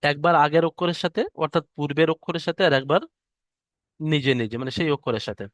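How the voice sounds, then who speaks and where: A man teaching an online Quran reading class, slowly drawing out letter sounds to demonstrate them. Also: fairly high pitch, fairly bright tone, no room sound, clean studio sound. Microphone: headset or computer mic on an online class call.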